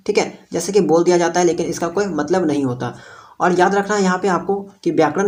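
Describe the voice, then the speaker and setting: A man's voice: sits high, darkish tone. A man with a Jharkhand Hindi accent teaching Hindi grammar for an entrance exam. He explains steadily and keeps checking in with the students. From India. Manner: repeats "thik hai" and "jo hai" while explaining, checks with listeners often.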